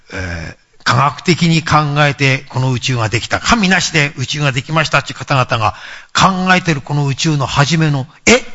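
A man giving a sermon lecture, emphatic, with frequent pauses and asides. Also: medium pitch, sharp tone, muffled recording. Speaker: preacher.

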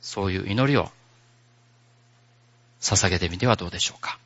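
A man preaching a sermon as pastor, in a gentle, conversational way. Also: sits low, moderate pace, creaky, muffled recording.

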